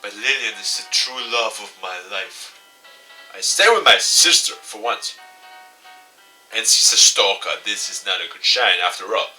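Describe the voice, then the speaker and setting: A man's voice: lowish voice, measured pace, bright, forceful tone, distant mic, faint music behind, low-quality recording. A man reading a visual novel aloud in a goofy, dramatic let's-play style with joking asides.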